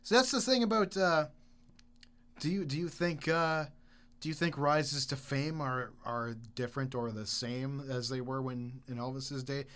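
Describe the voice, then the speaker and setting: A man's voice: medium pitch, unhurried, fairly bright tone. A young man co-hosting a podcast in casual chat, jokey and easily sidetracked. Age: young adult. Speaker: podcast co-host.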